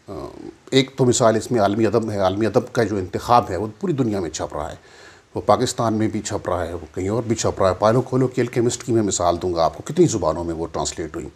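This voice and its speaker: A man's voice: fairly low pitch, a little mellow, breathy edge. A middle-aged man from Pakistan, a commentator delivering an argumentative opinion monologue with rhetorical questions and firm emphasis.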